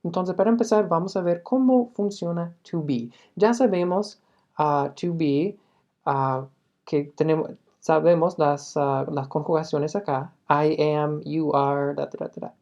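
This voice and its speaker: A woman's voice: deep voice, a little slow, a little mellow, dull audio. A woman teaching a beginner English lesson, explaining step by step and patiently, with filler sounds between phrases.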